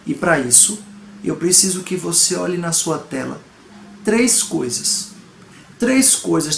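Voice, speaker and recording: Man, pastor, emphatic preaching, higher voice, echoey room, faint noise. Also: creaky. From Salvador, Brazil. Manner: earnest, emphatic preaching with rhetorical questions. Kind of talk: home video sermon. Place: home room.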